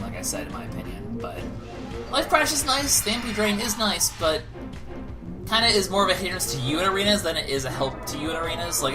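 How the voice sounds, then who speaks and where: Male let's player, casual analytical rambler with very varied intonation, game music clearly behind him. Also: medium pitch. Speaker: let's play host. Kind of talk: casual gameplay commentary.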